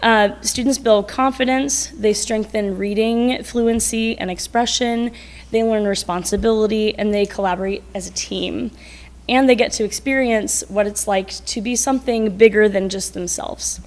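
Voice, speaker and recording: A woman's voice: mid-range voice, fairly even intonation, normal speed. A woman teacher speaks at a school board meeting in a mid-range voice. She is encouraging and draws children out with questions. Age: adult. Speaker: school music teacher presenting students.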